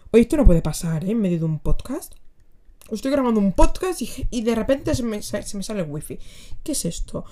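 A woman's voice: mid-range voice, very animated, a little fast, dark tone. A young woman with a Spain Spanish accent, hosting a casual solo podcast and chatting and giggling while she reacts to clips. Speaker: podcast host.

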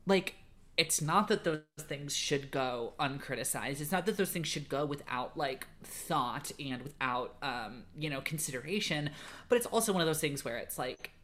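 A woman hosting a casual film podcast, talking in a hesitant way with many pauses and restarts. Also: deep voice, animated, a bit bright. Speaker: podcast host. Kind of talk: casual film review chat.

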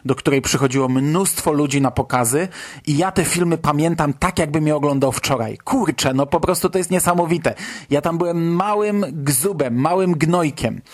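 A man in his late thirties from Poland, talking casually and conversationally as a solo podcast host. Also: fairly high pitch. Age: late 30s. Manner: conversational, reminiscing.

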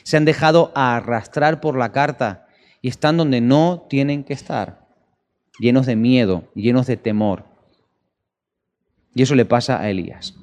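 A man preaching a sermon, animated and full of rhetorical questions to his listeners. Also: medium pitch, unhurried, long pauses. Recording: long church-hall reverb.

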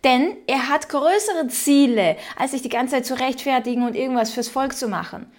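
A woman from Ukraine with a fairly high voice hosts casual political commentary. She reads out news quotes and answers them with strong opinions, directly addressing her viewers. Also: moderate pace.

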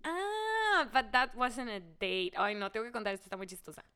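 Young woman, Mexican accent, podcast co-host, high-ish smooth voice, animated storyteller. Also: normal speed. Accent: Mexican Spanish. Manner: animated storyteller, acts out voices, switches into English. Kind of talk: casual chat.

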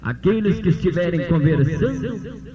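Brazilian male arena MC, very high-pitched, emphatic showman delivery, muffled lo-fi sound over a loud crowd. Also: animated. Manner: drawn-out, emphatic showman delivery with repeated phrases. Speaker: rodeo announcer and master of ceremonies. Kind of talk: live arena announcing at a rodeo opening ceremony. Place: outdoor rodeo arena over a loudspeaker system. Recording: dull lo-fi PA recording, loud crowd and music. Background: loud crowd and music.

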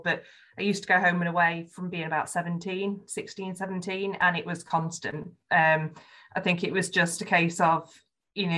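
A Yorkshire-accented woman from Yorkshire, England, is a guest in a conversational podcast interview, talking frankly and earnestly and using "um" a lot. Her voice is fairly low in pitch and a bit bright.

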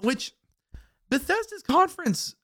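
A man co-hosting a casual gaming chat, his pitch swinging widely as he jumps between thoughts. He swears freely and acts out quotes in passing. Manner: animated, swearing, quick asides and acted-out quotes. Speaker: podcast co-host.

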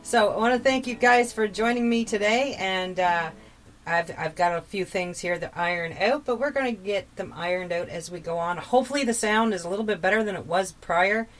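A woman hosting a casual radio show while talking from inside a small closet. She sounds relaxed and chatty, with fillers and restarts. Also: mid-range voice, fairly quick, soft background music.

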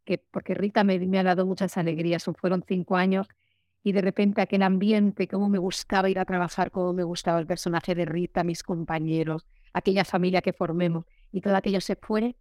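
A woman, an actress, talking candidly in an interview, telling her story lively and acting out the voices she quotes. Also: lowish voice, a little fast, dry recording, clean studio sound. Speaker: guest, actress.

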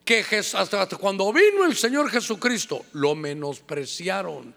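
A male pastor preaching a sermon, animated and calling his listeners brother. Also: high voice, normal speed, creaky, in a large hall.

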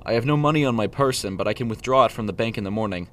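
A man voicing a nervous, frightened gentleman who speaks in a wavering, stammering tone. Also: lowish voice, very fast, a little hiss or hum, pitched above the performer's own voice, natural voice. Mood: pleading.

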